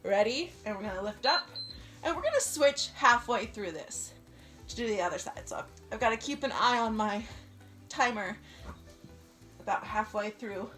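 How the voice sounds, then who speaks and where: A woman's voice: fairly high pitch, lively intonation, moderate pace, pauses often, fairly bright tone, roomy sound, faint music behind. A young woman working as an aerobics instructor, cueing a home workout in an encouraging way as she exercises. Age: young adult. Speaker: fitness instructor, channel host. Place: home living room. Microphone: camera on the floor a few feet away.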